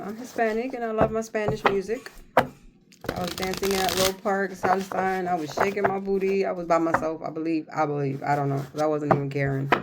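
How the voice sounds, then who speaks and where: A woman host chatting casually and rambling through a tarot card reading, folksy and jokey, often pausing and repeating herself. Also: lowish voice. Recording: clear background noise, card shuffling and clicks.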